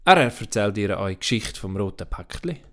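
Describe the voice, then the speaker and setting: A man reading a children's story aloud in an expressive storybook lilt. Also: on the low side, normal speed.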